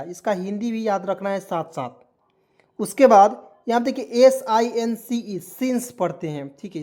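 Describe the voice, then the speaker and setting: A man's voice: high-pitched, a little mellow. A man teaching a step-by-step spelling lesson, putting questions to his viewers and answering them himself, addressing them as friends. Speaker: English teacher.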